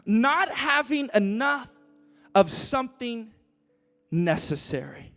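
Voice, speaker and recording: A young man preaching a lively sermon as pastor, acting out Bible figures in modern slang. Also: extremely high pitch, slow pace, faint music behind.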